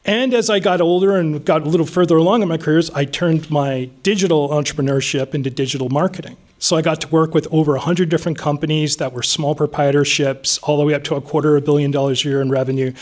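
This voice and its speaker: A man in his fifties, speaking from the top of his head to a room of listeners. His voice sits a touch higher than most men's, and he talks earnestly and plainly, with plenty of ums and small restarts. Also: fairly even intonation, fast talker, few pauses, darkish tone. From Vancouver, Canada. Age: 50s. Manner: off-the-cuff, earnest, frequent ums. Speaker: city council candidate. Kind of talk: unscripted campaign speech. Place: meeting room with an audience.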